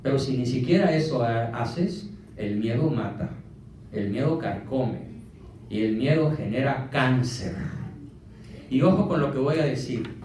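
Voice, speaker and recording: A man's voice: mid-range voice, animated, a little slow, darkish tone, slight background noise. A man with a Mexican accent giving a motivational lecture, firing rhetorical questions at his audience. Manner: emphatic, fires rhetorical questions. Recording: echoey room from a distant mic.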